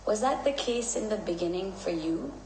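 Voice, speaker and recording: A woman's voice: mid-range voice, lively intonation, normal speed, darkish tone, slight background noise. A woman hosting a podcast, asking a guest questions in an encouraging way. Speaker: podcast co-host. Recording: roomy sound with music underneath.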